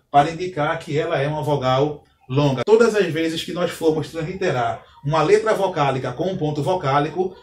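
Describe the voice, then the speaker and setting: A man teaching a Hebrew lesson at a whiteboard, explaining patiently and checking in with his students often. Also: on the high side. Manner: patient, explanatory, frequent "tá ok, pessoal?". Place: classroom with a whiteboard. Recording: echoey room, mic at a distance, faint ambience.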